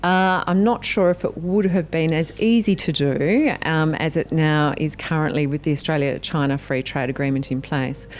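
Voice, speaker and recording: A woman's voice: sits low, normal speed, hardly any pauses, slight background noise. A woman speaking for a company in a formal business interview, composed and often starting with an "um". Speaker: company spokesperson.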